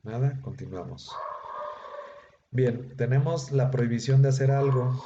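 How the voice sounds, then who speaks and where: A man's voice: mid-range voice, unhurried. A man teaching a Hebrew grammar class, explaining patiently step by step and checking in with his students. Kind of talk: grammar lesson. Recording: dull lo-fi recording with faint noise.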